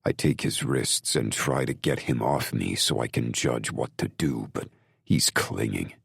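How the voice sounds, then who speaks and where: A man narrating a dark romance audiobook in the first person, brooding, measured and intense. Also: rumbling low, gravelly, breathy edge, dry recording.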